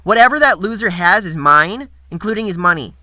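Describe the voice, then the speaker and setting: A man's voice: high voice, lively intonation, a little fast, sharp tone, no room sound, clean studio sound, voice pushed up, heavily acted. A man voicing a fierce, bossy twelve-year-old girl with a nasal voice in an audiobook. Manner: bossy, ordering.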